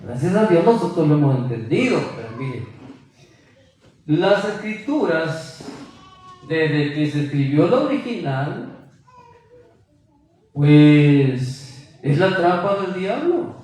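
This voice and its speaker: High-voiced preacher in an echoey hall. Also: male voice, very animated, slow pace, pauses often, darkish tone, distant mic, a little hiss or hum. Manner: emphatic, quizzes listeners with rhetorical questions. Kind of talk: sermon. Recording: very echoey room, voice from afar.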